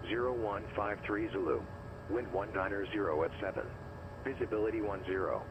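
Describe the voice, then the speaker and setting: A man's voice on an automated airport weather broadcast, reading items in a flat, clipped, list-like way over a radio channel. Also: lowish voice, background noise. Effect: automated airport weather broadcast heard over the radio. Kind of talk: recorded broadcast read-out.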